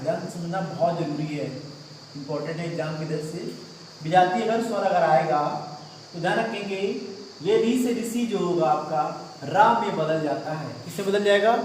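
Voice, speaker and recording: A man's voice: high-pitched, darkish tone, slight background noise. A man teaching a grammar lesson to a class, asking questions and repeating the answers himself. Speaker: Hindi teacher. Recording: echoey room, mic far off.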